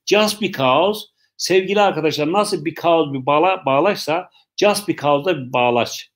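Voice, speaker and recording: A man with a slightly high voice teaches English in a live online session. He explains slowly, goes back over what he said, and jokes with the questions viewers ask.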